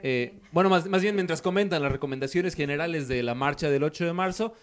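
Young Mexican male host, rather high voice. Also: a little fast. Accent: Mexican Spanish. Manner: loose, filler-heavy hosting. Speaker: show host. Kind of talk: casual panel chat.

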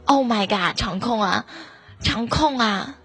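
A woman hosting a live joke show, playful and teasing, with quick asides to her listeners. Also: a little high, fairly bright tone, slightly rough. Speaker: host.

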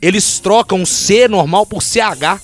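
A man's voice: sits high, a little slow, faint music behind. A man from Brazil, an English teacher trading jokes in a casual chat. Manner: joking, slangy, laughs often. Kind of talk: casual banter.

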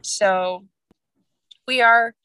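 A woman's voice: fairly high pitch, drawn-out words, bright, forceful tone, smooth, no room sound. A woman in her late twenties, a mother and wife, chatting casually on a podcast in a rambling, reflective way. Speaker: podcast co-host. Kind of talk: casual chat.

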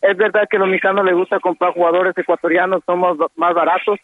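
Male caller, tinny phone line, high voice, rapid provocative questions. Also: little pitch movement, no echo.

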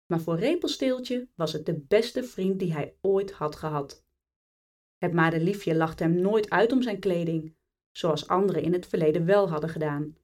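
Female reader, low register, steady bedtime-story pacing, slightly distant mic. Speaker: audiobook reader.

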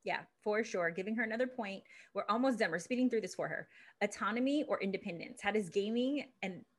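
A woman hosting a podcast as a relationship expert, upbeat and quick to laugh, speaking to her guest and listeners. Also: mid-range voice, lively intonation. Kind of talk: casual interview chat.

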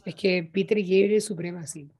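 A young woman with a Chilean accent, co-hosting a casual chat, slangy and quick to agree. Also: fairly low pitch, steady tone, a little mellow, faint music behind. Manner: slangy, agreeable, backs up her co-host.

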